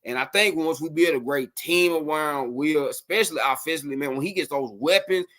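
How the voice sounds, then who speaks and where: A man hosting a casual late-night sports podcast livestream, rambling and animated, talking to his viewers. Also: fairly high pitch, brisk.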